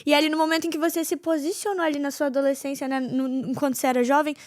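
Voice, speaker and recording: Bright-voiced enthusiastic woman host. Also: high voice, little pitch movement, very fast, no echo, clean studio sound. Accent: Brazilian Portuguese. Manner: enthusiastic, frequent affirmations. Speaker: podcast host. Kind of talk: interview chat.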